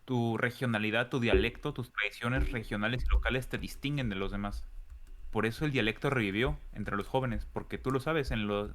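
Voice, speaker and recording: A man with a Mexican accent, co-hosting a casual podcast and telling relaxed stories with colloquial asides. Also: mid-range voice, brisk. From central Mexico. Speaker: podcast co-host. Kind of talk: casual chat.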